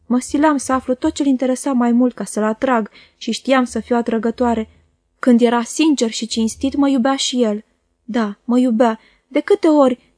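A woman's voice: on the high side, mellow, dry recording, studio quality, natural voice. A woman voicing a bitter, scornful jealous woman. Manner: scornful, impassioned outbursts. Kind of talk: audiobook character voice.

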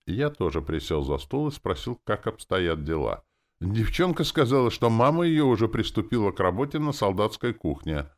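A man narrates a story in the first person with a very deep voice and a gravelly grain. His reading is wry and expressive, and his pitch swings widely. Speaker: audiobook narrator.

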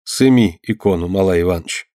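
A man voicing a grieving devout woman who speaks quietly and firmly. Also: low voice, moderate pace, no echo, studio quality, close to an everyday voice. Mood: stern.

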